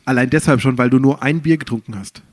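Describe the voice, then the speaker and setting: Teasing upbeat podcast host. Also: male voice, medium pitch, quick pace, husky. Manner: teasing, upbeat, wraps up the show. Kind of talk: casual podcast chat.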